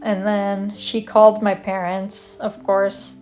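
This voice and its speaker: A soft-spoken young woman from Canada, casually telling stories about her school years in a rambling, self-deprecating way while she draws, with light music playing behind her. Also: medium pitch, little pitch movement, slow. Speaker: vlogger. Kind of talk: casual storytelling over drawing.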